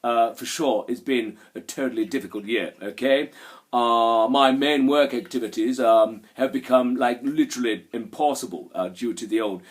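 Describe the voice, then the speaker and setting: This is a man playing a vain pantomime prince. The voice is mid-pitched and halting. He rambles smugly through a comic mock interview. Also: natural voice. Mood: smug, awkward. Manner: hesitant, smug, rambling. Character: vain, hapless fairy-tale Prince Charming.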